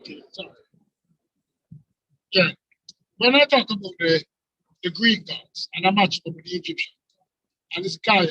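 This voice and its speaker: A very high, bright-toned man, his voice muffled as if coming through a wall. He keeps pressing the same questions in an online debate. The connection is weak and dry. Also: moderate pace, long pauses, no room sound. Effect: muffled, as if through a wall or underwater. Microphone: weak phone connection.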